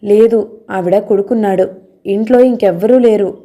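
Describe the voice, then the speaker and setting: A woman's voice: medium pitch, moderate pace, warm tone, close to an everyday voice. A woman voicing a shaken young daughter who gives short, broken answers through tears. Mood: tearful.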